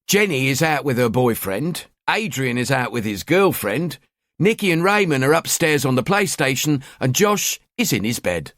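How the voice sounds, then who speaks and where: Pitching his mid-range voice above its natural level, a man plays a nagging middle-aged wife with an East London accent, sarcastic and scolding. His delivery is very animated at a moderate pace with a fairly bright tone. The studio-quality recording has no room sound.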